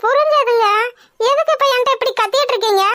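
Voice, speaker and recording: A woman's voice: very high-pitched, fast talker, fairly bright tone, dry recording, studio quality. A woman voicing an anxious young wife in a cartoon, who pleads and defends herself. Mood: defensive. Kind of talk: cartoon voice acting.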